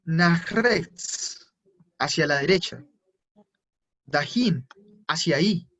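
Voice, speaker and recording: A man's voice: on the high side, animated, very slow, gravelly, a bit bright. A man teaching a German class, who patiently repeats each word pair and checks for questions. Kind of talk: live online class explanation. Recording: muffled lo-fi audio.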